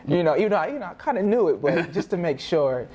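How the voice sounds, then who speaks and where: A man in his thirties, a father on a discussion panel, telling a story in a lively way with laughing asides. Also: high-pitched, quick pace, husky, lo-fi sound. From Arizona. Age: 30s. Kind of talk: casual group discussion. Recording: noisy room ambience.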